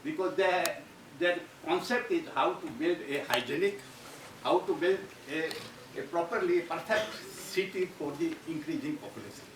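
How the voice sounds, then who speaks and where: A man's voice: a little high, moderate pace. A man giving a university lecture, rambling and restarting his phrases. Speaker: guest lecturer. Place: lecture hall. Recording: roomy, distant mic, audible background noise.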